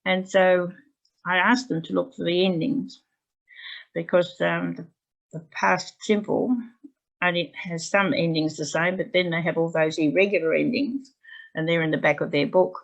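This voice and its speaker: Chatty gravelly-voiced woman teacher. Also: fairly low pitch, fairly even intonation, moderate pace. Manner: chatty, rambling, with fillers and restarts. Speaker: English language teacher presenting. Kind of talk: anecdotal presentation to teachers. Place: home. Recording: dull lo-fi video call audio.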